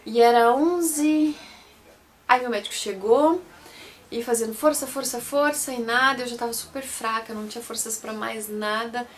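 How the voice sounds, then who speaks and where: Higher-voiced Brazilian woman telling a personal story. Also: normal speed, slight background noise. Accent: Brazilian Portuguese. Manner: chatty, repeats and corrects herself, addresses viewers as gente. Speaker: vlogger.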